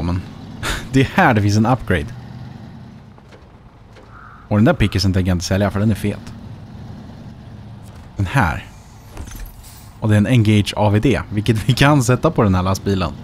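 A man's voice: on the low side, a little hiss or hum. A man with a Swedish accent giving casual let's-play commentary, chatting and muttering to himself as he plays. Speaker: gaming YouTuber.

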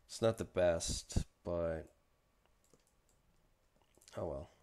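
Working on a 3D sculpt, this male vlogger narrates casually and mutters asides to himself. His voice sits low and warm, and he speaks extremely slowly into a desk microphone.

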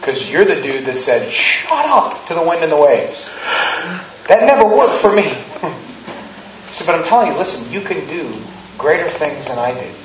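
This preacher, a man in his thirties, has a fairly high pitch with big swings and talks at normal speed over slight background noise. His sermon in the church sanctuary is casual and humorous, with quotes acted out in rising emphasis. A handheld mic and far camera leave the sound roomy, distant and muffled.

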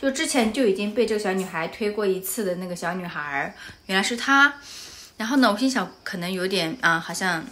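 Bright-voiced lady from anhui telling a story, chatty, keeps asking the viewer "you know?". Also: medium pitch, slight background noise. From Anhui, China. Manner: animated, with rhetorical asides to the viewer. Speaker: vlogger. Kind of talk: casual storytelling.

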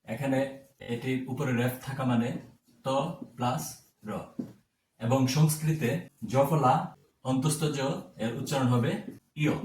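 A man's voice: mid-range voice, steady tone, a little mellow, distant mic, a little hiss or hum. Man teaching pronunciation in an echoey room. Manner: slow, careful, spelling out sounds. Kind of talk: pronunciation lesson.

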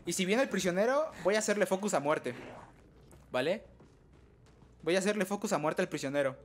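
A young man doing live gameplay commentary, excitable, trash-talking opponents and letting out sudden high yelps. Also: fairly quick. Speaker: gaming streamer.

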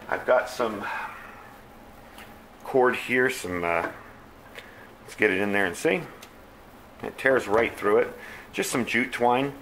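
A man's voice: mid-range voice, a bit bright, a little hiss or hum. Easygoing man reviewing knives. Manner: easygoing, plainspoken, frequent fillers. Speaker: knife reviewer. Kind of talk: casual product review.

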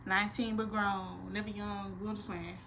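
A nineteen-year-old woman vlogs a casual, playful Q&A from her small bedroom, animated and slangy, gesturing expressively with her hands. Her voice is mid-range with some vocal fry, she talks at a moderate pace, and there's slight background noise.

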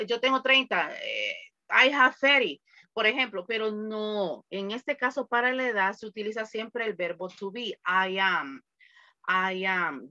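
A woman's voice: mid-range voice, pushed and bright, no room sound, dull audio. A woman from El Salvador, teaching an online English class in a chatty way with lots of examples.

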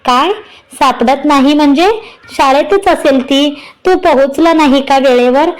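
A woman's voice: high-pitched, unhurried, rough recording. A woman voicing a worried young husband and father who speaks urgently and raises his voice. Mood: alarmed.

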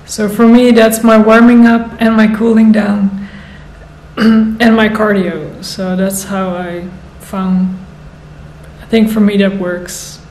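A woman in her thirties talking casually to the camera, thoughtful and unhurried, pausing with fillers. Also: mid-range voice, flat delivery, darkish tone. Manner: slow, thoughtful, with pauses and fillers. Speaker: vlogger. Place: bright room indoors. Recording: echoey room, faint noise.

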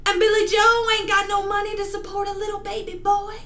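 A woman's voice: very high-pitched, flat delivery, sharp tone, pitched above the performer's own voice, full character voice. A young woman playing a tragic, sorrowful pregnant small-town girl mourning her mother in a melodramatic monologue. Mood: desperate lament. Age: young adult. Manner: tragic, sorrowful, melodramatic pleading with drawn-out pauses. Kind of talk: overwrought dramatic monologue. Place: small bedroom, indoors. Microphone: webcam at arm's length. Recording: roomy webcam sound, faint noise.

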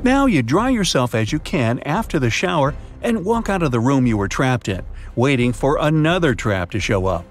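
A man narrating a survival riddle story in the second person, with lively dramatic delivery and quiz questions to the listener. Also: medium pitch, normal speed, hardly any pauses, faint music behind. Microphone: studio voice-over.

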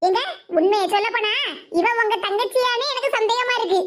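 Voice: very high voice, brisk, a bit bright. A performer voicing a blunt, sarcastic middle-aged wife in a cartoon, with a Tirunelveli Tamil accent. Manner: sarcastic, accusing.

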